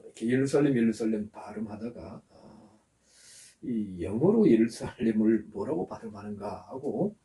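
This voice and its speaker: Pastor with a dark voice, sounding distant. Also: male voice, fairly low pitch. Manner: teaching, with pauses to explain terms and have the congregation repeat words. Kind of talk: sermon.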